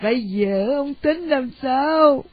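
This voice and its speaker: A woman's voice: high voice, lively intonation, takes it slowly, dry recording, exaggerated voice. A woman voicing an anxious older mother, pleading insistently through tears. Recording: dull lo-fi, dry sound.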